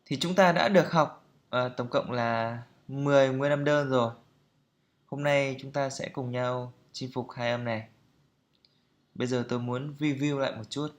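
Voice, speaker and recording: A man teaching pronunciation, explaining calmly and then drilling sounds and words aloud with slow, deliberate repetition. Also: medium pitch. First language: Vietnamese.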